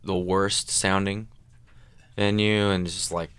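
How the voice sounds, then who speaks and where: A man's voice: sits low, level tone, slow, a bit bright, clear, resonant tone. A young man, a band member guest on a radio interview, talking casually and rambling with lots of filler words.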